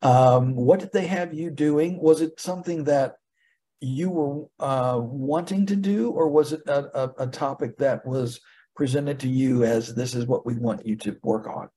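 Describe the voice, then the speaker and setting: An American man acts as a casual interviewer. His voice is dark and husky, and he phrases things haltingly, often doubling back on words. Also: medium pitch. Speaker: podcast host, interviewer.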